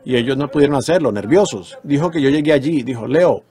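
A man's voice: medium pitch, fast, warm tone. A man preaching a sermon, retelling dreams earnestly and rising into emphatic exhortations.

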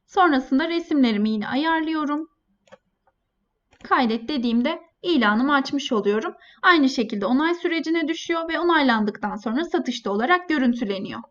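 Female tutorial presenter, high pitch, courteous customer service delivery, scripted instructions, muffled lo-fi audio. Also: expressive, moderate pace, fairly bright tone. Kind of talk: scripted step-by-step tutorial narration. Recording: dull, lo-fi voice-over.

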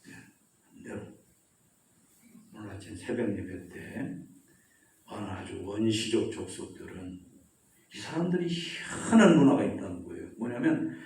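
A male pastor giving a sermon. He tells stories in a lively way and puts questions to the congregation. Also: on the low side, a little slow, pauses often. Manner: animated storytelling, asks the congregation questions. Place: church sanctuary. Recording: echoey church hall, mic at a distance.

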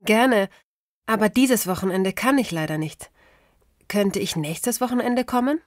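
Female job applicant, acted by a woman, medium pitch, polite, interested, clearly articulated, language-course dialogue, dry sound. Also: measured pace, dry recording, close to an everyday voice.

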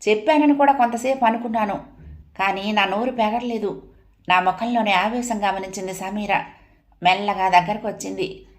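A woman narrating a first-person family story in a steady, even audiobook reading. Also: medium pitch, normal speed.

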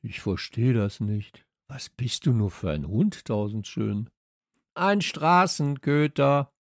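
A man's voice: fairly low pitch, a little slow, warm tone, no echo, studio quality. A man voicing a good-natured schoolboy in a children's audiobook, talking in loose street slang. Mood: casual.

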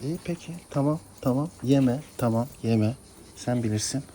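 A man's voice: medium pitch, normal speed, dark tone. A man talking casually to his cat and dog, coaxing and pleading with them in a pet-talk way. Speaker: pet owner.

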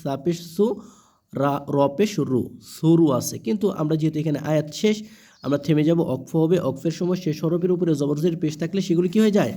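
A man with a somewhat high but dark, mellow voice teaches Quran reading. He spells out each letter and vowel mark slowly, then asks and answers his own questions.

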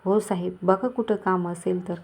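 A woman's voice: fairly low pitch, fairly even intonation, moderate pace, a little mellow. A woman voicing an idle, drinking village husband who speaks meekly and deferentially. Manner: meek and deferential.

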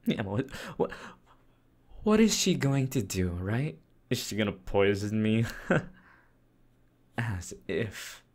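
A man playing Douma, a slow, sly whispering demon. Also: fairly low pitch, lively intonation, darkish tone, full character voice. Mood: mocking. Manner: sing-song, mocking, drifting into whispers. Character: sly, cheerfully cruel male demon lord. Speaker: voice actor. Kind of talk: whispered role-play.

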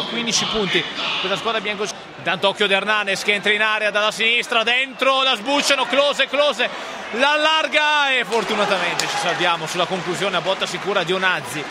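A man giving breathless, excited and partisan live football commentary, repeating players' names. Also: high-pitched, fairly quick. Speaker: football play-by-play commentator for a club channel. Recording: loud stadium crowd noise behind. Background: stadium crowd.

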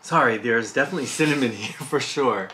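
A woman's voice: extremely low pitch, brisk, a bit bright, a little hiss or hum. A woman hosting a food review, chatting casually and thinking aloud while tasting snacks.

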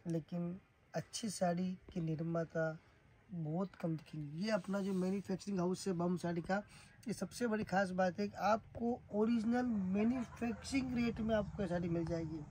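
A man from Rajasthan, giving an emphatic, repetitive sales pitch for the sarees he makes. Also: fairly even intonation, moderate pace, a little mellow, a little hiss or hum, poor audio. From Rajasthan, India. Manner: emphatic, repetitive praise of the goods. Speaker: saree seller and manufacturer. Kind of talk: sales pitch showing products.

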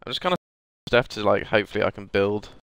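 A congested, sniffly man with a cold does casual let's-play commentary into a desk microphone. His voice is fairly low, clean and fairly bright, fast and animated, with no room sound. He's chatty and self-deprecating, muttering to himself as he plays.

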